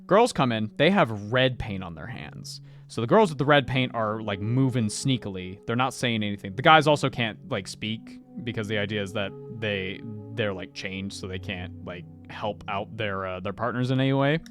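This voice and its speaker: A man streaming live while he paints miniatures, chatting casually and swearing freely, with sudden loud bursts of excitement. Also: lowish voice, normal speed, hardly any pauses, soft background music.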